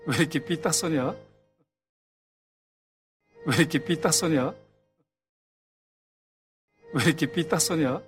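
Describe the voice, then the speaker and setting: An actor playing a gentle middle-aged father who softly coaxes his sulky daughter, in a TV drama scene. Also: fairly high pitch, takes it slowly, pauses often, breathy edge, faint music behind, exaggerated voice. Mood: gently coaxing. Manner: soft, coaxing, chuckling fondly. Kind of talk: TV drama dialogue.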